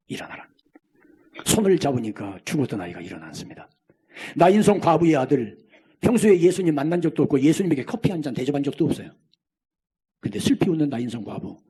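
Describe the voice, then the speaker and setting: A man preaching a sermon as pastor, swinging between near-shouts and hushed whispers. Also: medium pitch, breathy edge.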